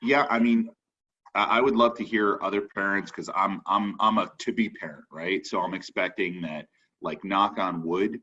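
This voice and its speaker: Over slightly dull video-call audio from a computer mic, a young co-host of a web forum show chats loosely, full of fillers and restarts. His low voice is bright and forceful, with fairly even intonation and a moderate pace.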